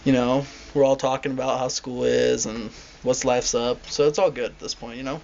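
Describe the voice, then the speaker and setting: A young man tells a story in a loose, rambling way and grows exasperated as he acts out the people in it. His voice sits at an ordinary middle pitch. The recording is dull and lo-fi, with a faint hiss behind him. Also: level tone, normal speed, creaky, darkish tone. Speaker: vlogger. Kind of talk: casual storytelling.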